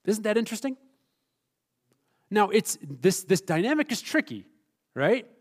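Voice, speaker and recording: A man preaching a sermon as pastor, emphatic, swinging between loud stressed phrases and hushed, quiet asides. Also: high voice, very animated, a little slow, slightly rough.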